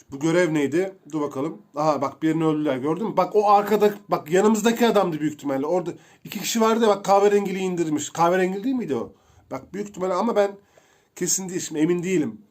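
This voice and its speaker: A young man giving casual, excitable commentary while playing a video game, chatting to his viewers as he goes. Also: a little high. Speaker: gameplay streamer.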